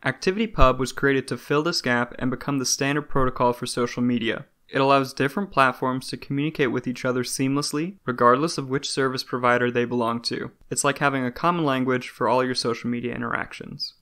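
Male narrator, mid-range voice, even scripted explainer read. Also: medium pitch, fairly quick, hardly any pauses.

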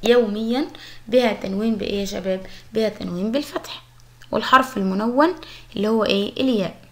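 A woman's voice: medium pitch, quick pace, fairly bright tone. A young Egyptian woman teaching a primary school lesson, patiently explaining and asking questions that she answers herself. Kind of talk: recorded Arabic lesson for young pupils.

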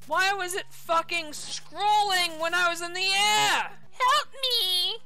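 A woman's voice: very high-pitched, unhurried, gravelly, bright, forceful tone. A young woman raging at a video game as she streams, exclaiming in exasperation and swearing heavily. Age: young adult. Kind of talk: gaming commentary with heavy swearing. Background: video game music.

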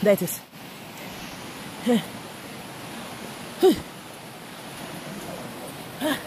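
A woman's voice: fairly high pitch, sing-song, drawn-out words, mellow, slight background noise. A young woman with a Ghanaian English accent, out of breath as she narrates a casual travel vlog while hiking outdoors, exclaiming and cheering herself on, filmed on a handheld camera. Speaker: vlogger. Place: outdoors on a hiking trail by a waterfall.

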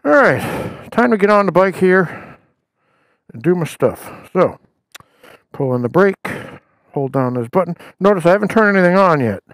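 A man's voice: high-pitched, sing-song, normal speed. A man casually talking through his motorcycle camera setup outdoors, chatting to himself as he fiddles with gear. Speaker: motovlogger.

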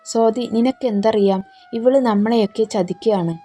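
A woman voicing a hot-tempered, jealous young man who shouts accusations in an audio story. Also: on the high side, moderate pace, breathy edge, soft background music. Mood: angry.

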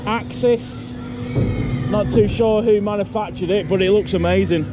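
A man's voice: sits high, normal speed. A man seated on an outdoor fairground ride, chatting casually to viewers as a vlogger. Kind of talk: casual vlog commentary. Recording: noisy outdoor fairground with crowd.

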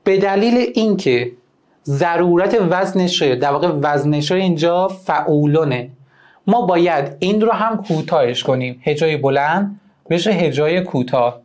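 A young man teaching a lesson on poetic meter, who chants the metrical feet slowly and then explains them quickly. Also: on the high side, a little mellow.

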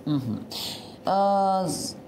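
A woman's voice: mid-range voice, animated, noisy background. A woman hosting a TV matchmaking show, asking joking, teasing questions in a casual studio chat.

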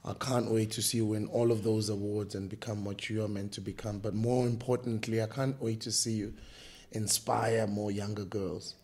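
A man's voice: fairly low pitch, little pitch movement, moderate pace, dark tone. A man in his forties with a South African accent, hosting a casual interview in a small studio, playful and laughing often. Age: 40s. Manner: laughs often, playful, switches into Zulu phrases. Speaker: podcast host. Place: small studio room with table. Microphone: desk mic on boom arm.

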